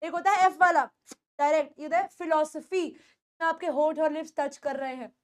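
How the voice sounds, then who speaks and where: A woman's voice: high voice, fairly even intonation, normal speed. A woman whose first language is Hindi, teaching English pronunciation in a classroom style, repeating words and asking her pupils questions.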